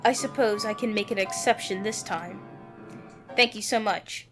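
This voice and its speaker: This reader has a mid-range, fairly bright voice and speaks at a normal speed, voicing both the narration and the dialogue of a visual novel over background music.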